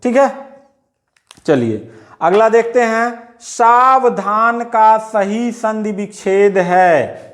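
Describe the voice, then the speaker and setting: A man's voice: sits high, lively intonation, very slow. A male teacher giving an exam-prep grammar lesson, explaining step by step and repeating his own questions back to the listener.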